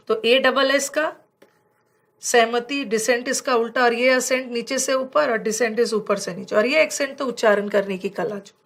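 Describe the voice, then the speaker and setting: A woman teacher explaining vocabulary for exams, mixing Hindi with words and reading example sentences slowly. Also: on the high side, a bit bright. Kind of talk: slide-based exam vocabulary lesson.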